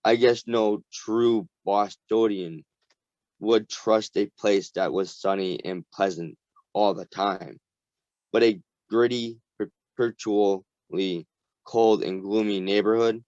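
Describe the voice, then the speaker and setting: A man's voice: fairly low pitch, fairly even intonation, slow, a little mellow, dry recording. A man reading a novel aloud to a group over a video call, reading carefully and stumbling and restarting on hard words. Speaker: reader. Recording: dull lo-fi recording.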